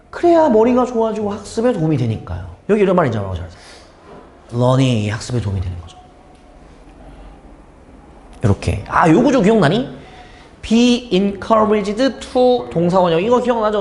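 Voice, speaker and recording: Lively high-voiced man lecturing. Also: reverberant. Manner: lively, asks the students questions and answers them himself. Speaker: English teacher. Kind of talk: exam explanation lecture.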